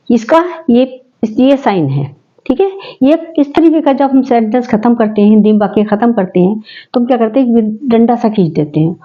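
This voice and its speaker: A woman's voice: fairly high pitch, muffled recording. A woman teaching a grammar lesson, explaining step by step and answering her own questions.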